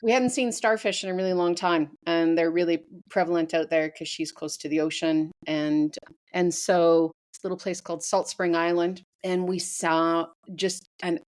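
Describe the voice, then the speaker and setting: A woman's voice: lowish voice, moderate pace. A woman from Canada, a guest photographer, telling stories in casual chat and acting out her own quotes. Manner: animated storyteller, acts out her own quotes.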